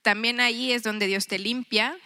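A woman's voice: fairly high pitch, fairly even intonation, normal speed, sharp tone, smooth. A woman in her thirties giving a chatty, earnest devotional talk to a women's group, often acting out her own thoughts. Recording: long reverb.

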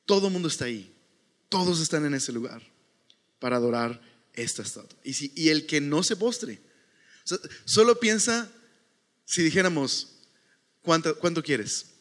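A man's voice: on the high side, expressive, normal speed, long pauses, fairly bright tone, big-room sound. A man preaching a sermon in a chatty, conversational way, often checking in with the listeners and reading scripture aloud.

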